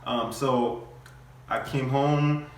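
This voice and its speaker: A man's voice: mid-range voice, steady tone, extremely slow, slight background noise. A young man chatting casually and jokily beside his wife. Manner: easygoing, jokey, laughs along. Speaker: co-host, husband. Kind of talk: casual chat. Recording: echoey room from far off.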